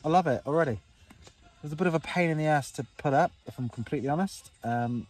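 A man's voice: on the high side, fast, soft background music. A man in his forties chatting to a close-held phone camera from inside a small tent on open moorland, rambling and upbeat with lots of ums. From England. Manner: rambling, filler-heavy, upbeat. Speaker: wild camping vlogger. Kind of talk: casual vlog talk to camera.

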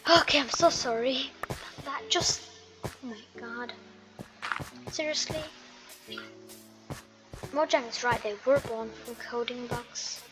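High-voiced woman chatting over gameplay. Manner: chatty, excitable, quick to apologize. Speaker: gaming video host. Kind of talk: casual game commentary. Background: game music.

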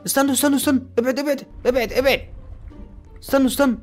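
Man playing an exasperated Egyptian asylum doctor, high voice, quick talk, scolding. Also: steady tone, faint music behind. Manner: scolding, shouting at patients, then coaxing softly. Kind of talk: fan-made game movie voice acting.

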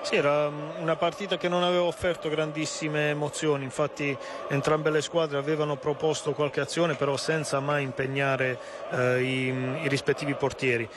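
Even-toned male football pundit, noisy stadium. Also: on the high side, moderate pace, hardly any pauses. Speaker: co-commentator and match analyst. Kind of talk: live football analysis. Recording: live broadcast over loud stadium noise.

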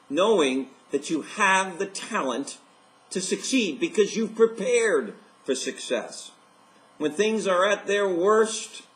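Excited life coach guy in his 50s, kinda high voice, talking into a webcam at home. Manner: upbeat, enthusiastic, speaks straight to camera. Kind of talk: motivational video message.

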